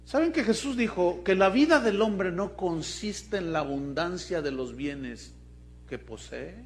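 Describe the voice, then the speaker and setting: A man's voice: sits high, expressive, a little slow. A man with a Mexican accent preaching a sermon to his congregation, emphatic and full of questions to the listeners. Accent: Mexican Spanish. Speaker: pastor.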